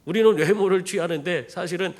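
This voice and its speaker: A man's voice: sits high, fairly quick. A man preaching a sermon as pastor, telling stories with rhetorical questions to the congregation. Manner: animated storytelling with rhetorical questions. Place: church.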